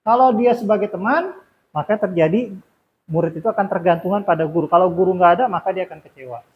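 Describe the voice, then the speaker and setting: A man's voice: sits high, fast talker, dull audio. A man talking fellow teachers through a lesson in an informal, explanatory way, repeating points with fillers and self-corrections.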